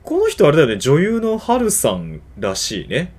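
A man casually commentating a video game he is playing, reacting excitedly and grunting along with the fights. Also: on the high side, moderate pace, slightly rough. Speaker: game streamer. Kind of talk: casual let's-play commentary. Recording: game audio with music behind.

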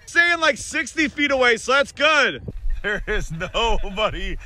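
A man's voice: very high-pitched, very animated, a little slow, bright, forceful tone. A man doing a playful, jokey comedy bit outdoors in a park, laughing often. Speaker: comedy vlogger. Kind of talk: goofy outdoor skit.

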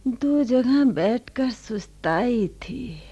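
An actress in a radio play voicing a weak, feverish, destitute woman who speaks faint and hushed. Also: on the high side, lively intonation, extremely slow, husky, dull audio, exaggerated voice. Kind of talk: radio drama acting.

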